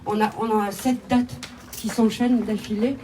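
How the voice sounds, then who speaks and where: A woman's voice: a little high, steady tone, normal speed, warm tone. A woman singer from Spain with a Spanish accent, joking and mocking herself in casual banter at a live concert. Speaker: singer on stage.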